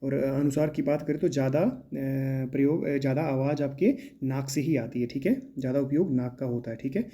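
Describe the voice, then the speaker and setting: A man teaching as he works through mock exam questions, often checking in with the class and pausing with drawn-out hesitations. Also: medium pitch, warm tone. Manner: repetitive, checks in with "है ना" and "ठीक है".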